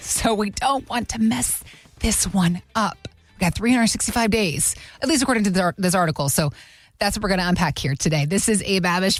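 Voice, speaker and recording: Chatty woman co-hosting a podcast. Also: medium pitch. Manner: upbeat, chatty, frequent affirming interjections. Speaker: podcast co-host, interviewer. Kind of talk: casual podcast conversation.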